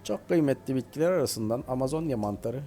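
A man with a mid-range, dark-toned voice hosts a gaming video, talking fast and animatedly. He chats casually and playfully while he plays, even talking back to the game, in let's-play style. There's a faint hiss or hum in the recording.

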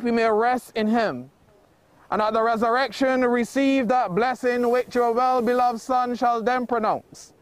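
A clergyman reading funeral prayers at a graveside in a solemn, measured, formal manner. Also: very high voice, clear, resonant tone, dry recording. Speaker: officiating clergyman. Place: outdoor cemetery graveside.

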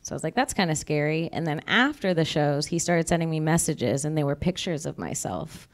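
A young woman performs a stand-up set on a comedy club stage, holding a mic in front of a live audience. She delivers dark punchlines in a brisk, chatty, deadpan style with a low voice. Laughter from the crowd can be heard.

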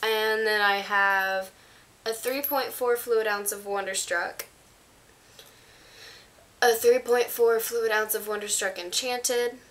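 In a small bedroom, a sick teenage vlogger with a congested voice casually rambles through a show-and-tell of her items for a camera on a stand in front of her. Her voice is a little high, steady and fairly bright, slow with long pauses, with a little hiss or hum.

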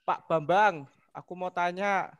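A man's voice: high-pitched, unhurried. A young man, a new student, asking questions and joking informally on a video call. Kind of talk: casual chat on a video call.

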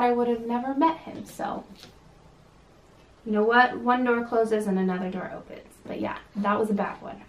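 A young Californian woman vlogs from a room at home, chatting casually in a sassy way with plenty of ums. Her voice is medium-pitched and sits far from the mic, so the audio sounds dull, with room echo and a faint hiss behind it.

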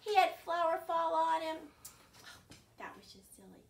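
An older children's librarian runs an expressive storytime at home, reading a picture book to young children with animated questions, exaggerated gasps and reactions. Her pitch is extremely high, with some vocal fry, and she goes a little slowly. The camera is a few feet away in the living room, making the sound roomy and distant, and there's slight background noise.

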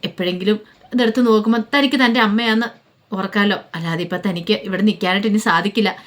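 A subdued young woman, hurt but steady, speaks softly in a told family story, as a woman storyteller puts her on. She stays low and calm, even when pushed. The voice is close to the storyteller's own. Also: fast, lightly acted. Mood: troubled. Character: young woman daughter, quiet, hurt, resigned.

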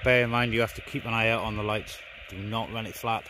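It's a noisy phone-camera clip recorded outdoors, where a man who tinkers with CB radio as a hobby vlogs from his garden. Busy with his equipment, he talks informally and with hesitation, his fairly low voice quick and evenly intoned.

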